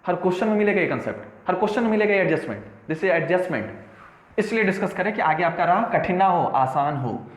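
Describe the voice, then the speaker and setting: Man, accounts teacher, animated call-and-response lecture, very lively pitch, echoey room. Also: brisk. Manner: animated, playful, repeats key terms and answers his own questions. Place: classroom with whiteboard. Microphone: camera in the room.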